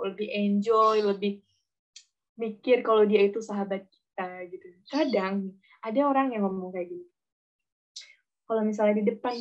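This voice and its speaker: A woman gives a casual online lesson on public speaking, chatty and lively, dropping in English words as she acts out how to deliver a line. Her voice sits at an ordinary middle pitch. The audio comes through dull and lo-fi, like a web call. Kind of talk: casual webinar lesson with spoken demonstrations.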